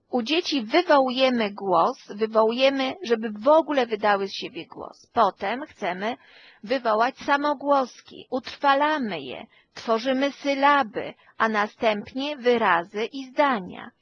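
A woman, a hearing and speech therapist, explaining calmly and at length, with some fillers as she goes. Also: fairly high pitch, muffled recording. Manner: slow, measured explanation with fillers. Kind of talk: expert talk to camera.

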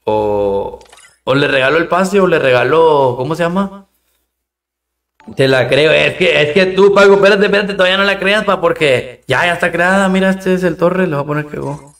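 A man's voice: on the high side, moderate pace, fairly bright tone, distant mic. A man with a Mexican accent, streaming a game live, chatting in slang and thanking viewers between rounds.

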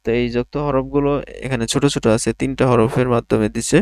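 A man teaching Quran reading in an online lesson, calmly and evenly drilling letter sounds one by one, with a Bangladeshi Bengali accent. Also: mid-range voice, clear, resonant tone, dry recording, studio quality. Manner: slow, even drilling of syllables.

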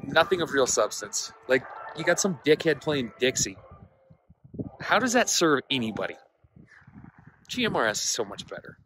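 On a mountain top, a man reviewing radio gear runs a casual field test, his mid-range, slightly bright voice very animated at a moderate pace with long pauses. His manner is blunt and grumbly, captured in a noisy outdoor recording full of radio interference.

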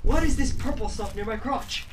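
A young man cracks goofy jokes and teases his friend from across the room, far from the microphone. A loud hiss sits under his voice throughout. His banter is loose and playful. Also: very high-pitched, animated, normal speed. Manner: teasing, goofy. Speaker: friend watching the game. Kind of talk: joking banter.

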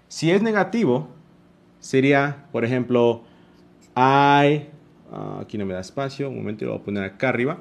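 Slow, patient Mexican-accented male teacher. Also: medium pitch. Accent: Mexican Spanish. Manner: slow, patient explaining with drawn-out examples. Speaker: English teacher. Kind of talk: live online class explanation.

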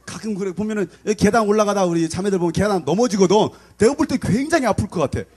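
A middle-aged man preaching a lively youth sermon, acting out scenes with shouted put-on voices. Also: quick pace, slightly rough. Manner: animated, acts out scolding mothers in shrill voices. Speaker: pastor. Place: church hall.

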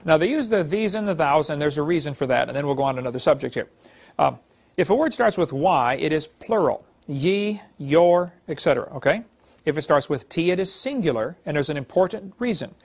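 A man with a fairly high voice explains his point step by step. He teaches plainly and checks with his listeners as he goes. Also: expressive, brisk. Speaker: Bible teacher.

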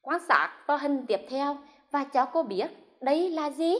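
Slow-speaking high-voiced woman teacher. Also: animated. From central Vietnam. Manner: slow, clear, drawn-out enunciation for young children. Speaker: primary school teacher. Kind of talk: televised first-grade lesson.

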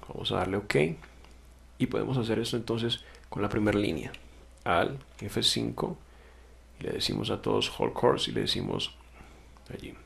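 A man teaching music software step by step in a screen-recorded tutorial, patiently explaining, correcting himself and checking in with "ok?". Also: fairly low pitch, gravelly.

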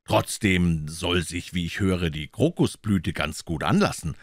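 A man reading as a calm, deep-voiced detective. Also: normal speed, breathy edge, no room sound, studio quality, full character voice. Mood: unruffled. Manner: calm, polite and unflappable. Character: calm, sharp-witted male detective.

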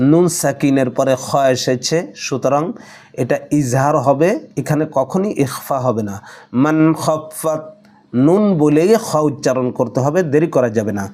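A man with a Bangladeshi accent teaching tajweed. He explains each rule briskly, then recites the Arabic phrases slowly and drawn out. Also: medium pitch, darkish tone. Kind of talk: tajweed lesson alternating explanation and slow recitation.

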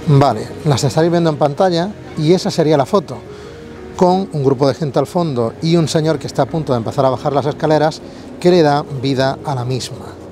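Standing on a city street, a photography vlogger gives viewers a casual lesson straight to camera, thinking aloud as he explains. His voice is a little high, brisk, and warm, with frequent "vale" and other fillers, and soft music plays behind him.

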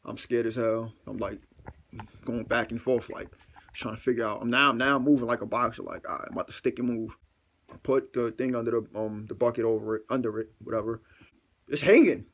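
A young man recounting a mishap at home in a loose, slang-heavy way. He swears freely and makes fun of himself. He acts out his reactions and now and then jumps up into a high squeal. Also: brisk, vocal fry. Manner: animated, acts out his own reactions with sudden loud squeals; slangy, profane, self-mocking. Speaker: vlogger telling a story. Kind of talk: casual storytime monologue.

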